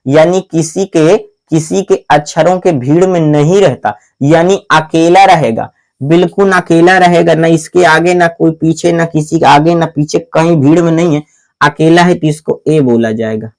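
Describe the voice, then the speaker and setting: A man teaching a grammar lesson in a classroom style, asking questions and answering them himself over and over, calling the viewer "my brother" and spelling out letters slowly. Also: on the high side, a little mellow. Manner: repetitive call-and-response questioning, answers his own questions; slow, deliberate spelling out of letters.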